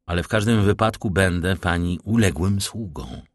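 A man voicing a reserved, melancholy nobleman who gives low, measured replies. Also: dry recording, clean studio sound, natural voice. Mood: polite. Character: grave, reserved nobleman count, middle-aged man.

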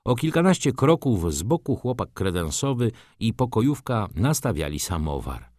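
Male audiobook narrator, very deep voice, expressive and lively in pitch, dry close recording. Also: normal speed, no room sound. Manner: expressive literary reading. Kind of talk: scripted narration.

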